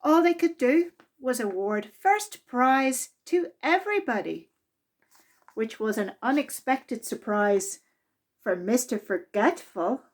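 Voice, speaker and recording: A woman sharing a children's story at storytime speaks in a fairly high register. She reads deliberately, adding lots of expression so small listeners stay engaged.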